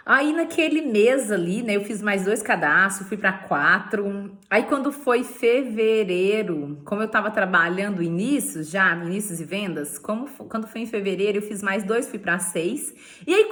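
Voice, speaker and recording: A woman's voice: a little high, a bit bright. Playful Brazilian woman telling her story. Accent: Brazilian Portuguese. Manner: playful storyteller, laughs often, frequent "né?". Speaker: beauty sales director. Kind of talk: personal testimony vlog.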